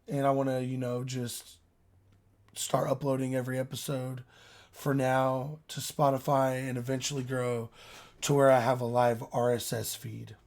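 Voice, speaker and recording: A man talks as the host of his own casual podcast. His pitch sits in the middle of the male range. He speaks informally, in loose slang with the odd swear word, as if chatting to friends. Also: a little mellow. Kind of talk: casual solo podcast chat.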